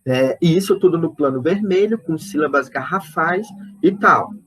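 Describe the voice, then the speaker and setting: A man with a Brazilian accent giving an online poetry lecture, speaking slowly and searchingly, repeating words and checking in with his listeners. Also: fairly high pitch, animated, fairly bright tone, slightly rough. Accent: Brazilian Portuguese. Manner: counts out poetic syllables and stresses aloud. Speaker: literature lecturer.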